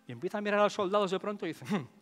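A man telling a story as a motivational speaker, in an animated storytelling manner. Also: high voice, very fast. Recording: long hall reverb, soft music.

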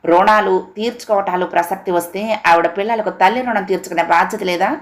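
Woman reading as an irritated grown son, sharp, raised voice, higher than her narration, storybook reading. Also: fairly even intonation, brisk, close to an everyday voice. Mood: angry. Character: angry grown son, impatient and dismissive.

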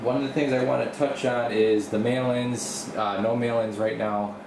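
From behind his camera, a radio repair technician hosting a video leads a casual, rambling tour of his little home workshop, thinking aloud as he goes. His voice is medium in pitch and his speed normal, with the camera mic catching roomy acoustics and a steady, air-conditioner-style hum.

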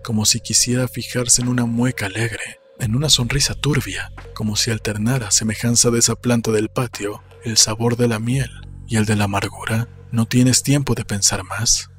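A man in his thirties narrates an audiobook, measured and solemn, at a medium pitch with a steady tone. It's scripted literary narration recorded in a small indoor room on a desk mic close to his mouth, with headphones on and soft music in the background.

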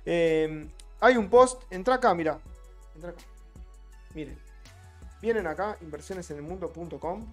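A man's voice: sits high, moderate pace, long pauses. A man with a Rioplatense Spanish accent, streaming live, chatty and greeting viewers in the chat by name. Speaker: trading streamer. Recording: faint music behind.

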